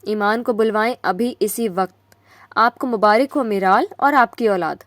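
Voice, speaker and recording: A woman voicing a young wife who accuses her husband through tears, loud and upset. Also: medium pitch, no echo, clean studio sound, natural voice. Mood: tearful anger. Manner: tearful and shouting.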